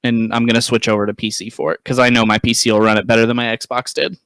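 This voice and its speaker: A man's voice: medium pitch, little pitch movement, fast talker, a bit bright, smooth, dry recording. A man in casual gaming chat as a livestream panelist, informal and amused at himself.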